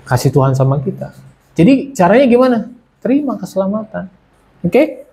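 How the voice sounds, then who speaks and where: Husky-voiced man preaching casually. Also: high voice, sing-song, normal speed, dark tone. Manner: conversational, often asks and answers his own questions. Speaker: preacher sharing testimony. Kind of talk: casual sermon with personal testimony.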